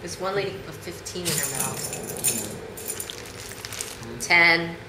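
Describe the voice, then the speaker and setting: A woman's voice: on the low side, slow. A woman in her twenties chatting casually as she hosts and keeps count in a home challenge video. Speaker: challenge host keeping count. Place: living room, indoors. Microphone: camera a step or two away. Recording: echoey, noisy living room.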